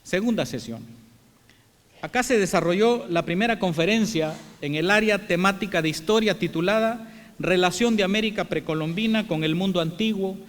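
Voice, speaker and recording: A man from El Salvador giving a formal welcome address as president of an international congress, telling the story in a measured, reflective way. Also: high voice. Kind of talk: formal speech. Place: large theatre hall. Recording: long hall reverb.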